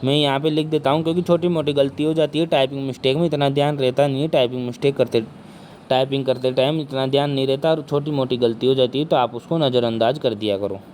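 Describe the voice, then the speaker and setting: A male teacher giving an exam-prep history lecture, with a sore throat and speaking softly, who keeps asking questions and answering them himself. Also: mid-range voice, fairly even intonation, fast, slight background noise.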